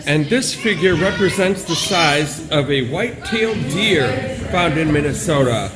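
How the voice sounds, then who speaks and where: A vlog host talks casually and slowly about animals, marveling and exclaiming at what turns up. The voice is mid-pitched and unhurried, with clear music playing behind it. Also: lively intonation. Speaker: host of a travel video channel.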